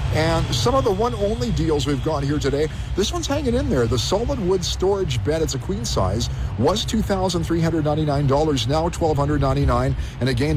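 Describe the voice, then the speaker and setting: A man hosting a live promotional radio remote on location. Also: fairly high pitch. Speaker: radio host on a remote broadcast. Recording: noisy on-location broadcast.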